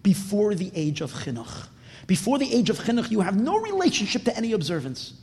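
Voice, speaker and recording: A man's voice: sits high, wildly swooping pitch, brisk, a little mellow. A man giving an unscripted lecture as a rabbi, emphatic, repeating phrases and answering his own questions. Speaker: rabbi teaching a Torah class. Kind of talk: religious lecture, teaching unscripted. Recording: reverberant hall.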